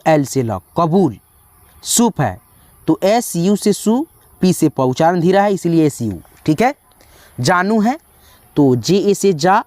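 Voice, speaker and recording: A teacher slowly spelling out words one letter at a time, often calling the listeners friends. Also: mid-range voice, darkish tone, no echo. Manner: slow, drawn-out spelling with frequent "dosto". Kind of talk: spelling lesson.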